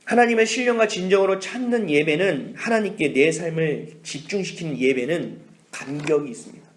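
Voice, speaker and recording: Animated preacher in an echoey church. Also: male voice, a little high, brisk. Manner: animated storytelling, whispers inner thoughts. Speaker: pastor. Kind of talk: sermon with personal storytelling. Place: church sanctuary.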